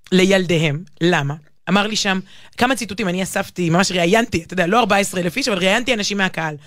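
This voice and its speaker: A woman's voice: mid-range voice, no echo. Israeli woman chatting emphatically, close and dry. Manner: emphatic, breaks off and rephrases often. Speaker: talk show co-host. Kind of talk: casual animated conversation.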